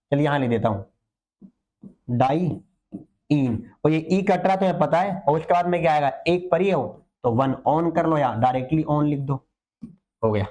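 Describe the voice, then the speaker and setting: High-voiced chemistry teacher coaxing students. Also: male voice, darkish tone. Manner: coaxing, asks questions then answers himself. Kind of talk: online exam-prep lecture.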